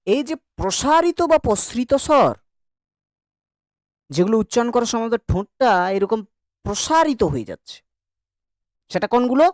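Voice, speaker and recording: Male teacher, animated up-and-down voice, chatty and playful, dry close sound. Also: very high-pitched, no echo. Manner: lively, chatty teaching with jokes, drawn-out vowel drills. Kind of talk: online grammar class.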